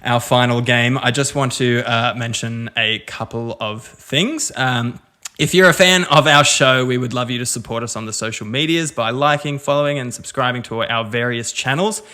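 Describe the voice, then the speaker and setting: A man's voice: medium pitch, moderate pace, bright, forceful tone. A man co-hosting a casual comedy podcast, running through plugs and contact details with dry little asides. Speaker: podcast co-host.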